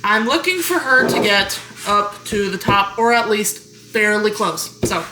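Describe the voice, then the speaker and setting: A woman giving a relaxed, chatty cooking tutorial while shaping bread dough at home. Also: medium pitch, a little slow. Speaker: home baker showing a recipe. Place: home kitchen. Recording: echoey kitchen with clear background noise.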